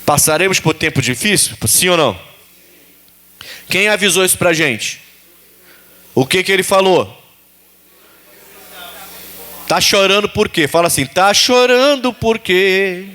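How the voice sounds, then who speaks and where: A man's voice: sits high, expressive, measured pace, long pauses, pushed and bright. A man preaching a sermon as pastor, repeating phrases and putting questions to the congregation.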